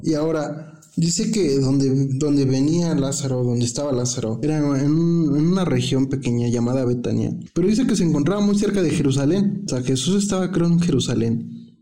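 A man with a Mexican accent talks through a Bible passage in a relaxed, chatty way. His voice is dark and mellow, with slang dropped in as he thinks aloud. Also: fairly high pitch, normal speed. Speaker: preacher. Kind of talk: informal Bible teaching.

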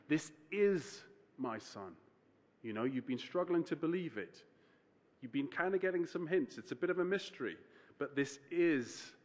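Male preacher, mid-pitched, casual and self-correcting, heard in a reverberant church. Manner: conversational, self-correcting, explains scripture plainly. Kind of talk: sermon.

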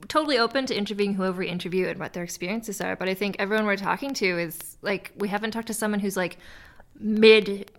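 A woman's voice: mid-range voice, fast. A woman co-hosting a podcast, introducing the show in a casual, conversational way. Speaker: podcast co-host.

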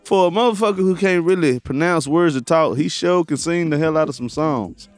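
A man co-hosting a podcast in relaxed, profane chat, laughing often. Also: a little high, brisk, no room sound, faint music behind. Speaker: podcast host.

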